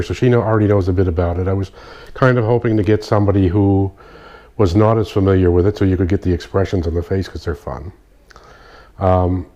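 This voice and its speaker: A male kinesiology practitioner gives a casual spoken demonstration, recorded on a phone in a dimly lit indoor room at night. His lowish, mellow voice is congested and nasal from a sinus infection, and he explains things while stopping to correct himself and restart sentences.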